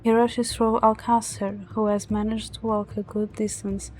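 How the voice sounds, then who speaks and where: A woman's voice: mid-range voice, level tone, moderate pace, darkish tone, faint music behind, rough recording. A woman streamer reading story narration aloud from a visual novel, dramatic but stumbling over words now and then.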